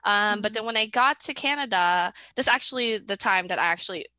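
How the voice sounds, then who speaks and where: A woman's voice: medium pitch, a little fast, pushed and bright, no echo. A woman in her twenties from the Philippines, a podcast guest talking casually over a video call, hesitant with many fillers and restarts, giggling between thoughts. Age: 20s.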